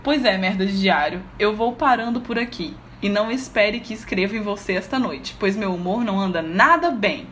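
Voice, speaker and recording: Cranky teen witch griping in her diary, read out by a brazilian woman, low muttery voice, faint hiss behind. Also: normal speed, hardly any pauses, fairly bright tone, close to an everyday voice. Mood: fed up. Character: moody, irritable teenage girl witch writing a diary. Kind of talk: reading fan fiction aloud.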